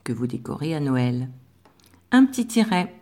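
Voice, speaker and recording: A woman teacher giving a slow, patient dictation lesson to young pupils, spelling out sounds with careful articulation. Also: sits low, very animated, mellow. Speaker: primary school teacher.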